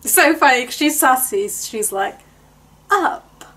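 A woman's voice: high voice, lively intonation, a little slow, a crowd in the background, poor audio. Chatty young woman reacting. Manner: chatty, joking, laughs often. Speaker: movie reaction creator. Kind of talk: casual movie reaction commentary.

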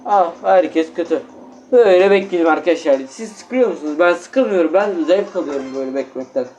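A man commentating his own gameplay for viewers, excitable and easily exasperated, with game music behind him. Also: on the high side, a little fast. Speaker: gaming channel host.

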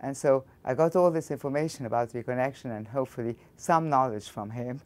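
Speaking with an Egyptian accent in a very deep, slightly mellow voice, an older woman from Egypt who teaches physics gives thoughtful studio interview answers in front of a backdrop. She talks a little fast and frequently restarts sentences.

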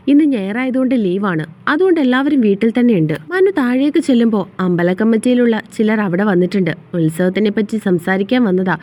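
A woman narrating a romance audio series in a steady, even storytelling manner. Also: medium pitch.

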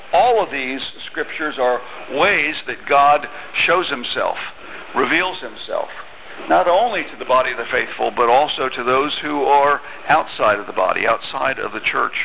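A middle-aged pastor preaches a sermon in a church sanctuary using a headset mic, speaking conversationally with small restarts and reading scripture aloud. His voice is mid-range and creaky, and the recording is muffled with a little hiss or hum.

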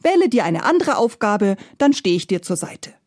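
A woman voicing a sleepy Luck sprite that murmurs calm, matter-of-fact advice. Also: mid-range voice, normal speed, no echo, clean studio sound.

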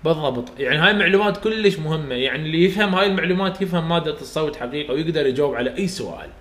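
Man, Iraqi Arabic accent, phonetics lecture, slightly high voice, roomy echo. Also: lively intonation, very fast, a bit bright. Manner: explains step by step, repeats sounds aloud for students to copy. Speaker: university English phonetics teacher. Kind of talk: recorded lecture for students.

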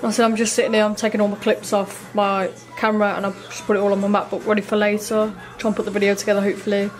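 In a hotel room, a young woman vlogs with a handheld phone or camera at arm's length, chatting casually in a sweary, rambling way. Her medium-pitched voice is fast-paced and fairly flat, with faint music playing behind her.

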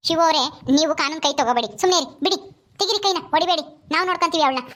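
A woman playing a brisk female police officer. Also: very high voice, fairly bright tone. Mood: commanding. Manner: brisk, commanding. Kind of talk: village family drama acting.

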